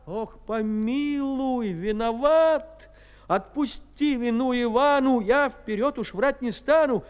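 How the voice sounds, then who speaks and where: Man voicing a simple young peasant lad, high pitched, excited, pleading, fairy tale, long reverb. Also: measured pace, muffled recording, faint music behind, full character voice.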